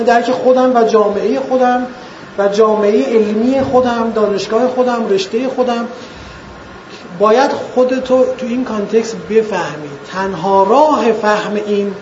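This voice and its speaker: A man lecturing students in an earnest way, asking rhetorical questions and slowing down to stress points. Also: extremely high pitch, a little hiss or hum. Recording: echoey, dull lo-fi room recording.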